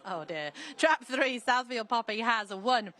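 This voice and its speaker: A woman's voice: fairly high pitch, lively intonation, unhurried, a bit bright. A woman presenting a live sports show with casual, jokey banter and a readiness to laugh.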